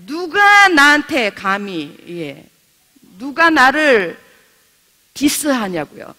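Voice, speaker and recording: A middle-aged pastor's wife teaching a Bible study, chatty and lively, asking her listeners questions and laughing as she tells stories. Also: high-pitched. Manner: laughs while telling stories. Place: church hall. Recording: long reverb of a church hall.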